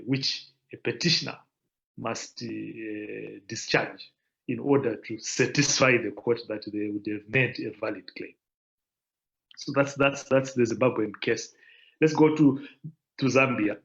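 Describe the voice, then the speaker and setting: A man presenting as a law panelist in an online panel, explaining points in a measured, lecturing way over a video call. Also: mid-range voice, gravelly, a bit bright, muffled recording.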